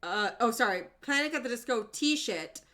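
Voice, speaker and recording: A woman's voice: a little high, expressive, normal speed, pushed and bright. A young woman streamer giving a comedic dramatic reading of narration, often breaking into laughter. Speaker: streamer hosting a group reading.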